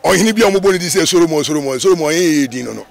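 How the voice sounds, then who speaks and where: A man from Ghana, a Rastafarian being interviewed, talking in an animated, emphatic way with many repetitions. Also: on the high side, racing, creaky. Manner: animated, emphatic, with repetitions and sudden sung phrases. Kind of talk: casual interview talk.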